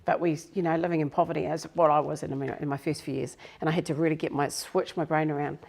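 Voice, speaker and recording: Gravelly low-voiced New woman coach. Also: fairly even intonation, fast talker, darkish tone. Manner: chatty and self-deprecating, laughs often. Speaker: business coach presenting a workshop. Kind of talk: live workshop talk to a group. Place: room with a live audience.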